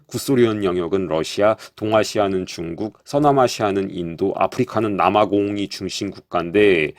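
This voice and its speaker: A man's voice: lowish voice, gravelly, no echo. Hesitant, emphatic man with a dry sound. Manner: hesitant, many fillers and restarts, lively emphasis. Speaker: commentator. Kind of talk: explanatory monologue.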